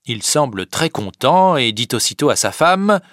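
A man narrating a story in a calm, measured way. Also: mid-range voice, dry recording, studio quality. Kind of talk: audiobook narration.

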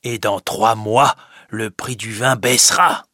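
A man's voice: lowish voice, steady tone, slow pace, bright, forceful tone, dry recording, studio quality, full character voice. A man reading aloud who voices a stern, miserly old wine-grower father who counts every coin. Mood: excited. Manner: counting money aloud, insistent. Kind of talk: audiobook reading.

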